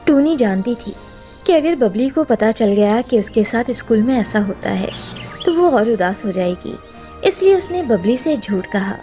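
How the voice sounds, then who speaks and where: A woman narrating a children's cartoon story in an expressive, gentle way. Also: on the high side, moderate pace, soft background music.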